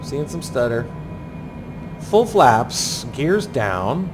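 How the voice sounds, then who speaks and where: A man's voice: mid-range voice, big pitch swings, extremely slow, noisy background. A man talking through a landing like a cockpit pilot, calling out checklist items and explaining the instruments. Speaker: flight sim pilot.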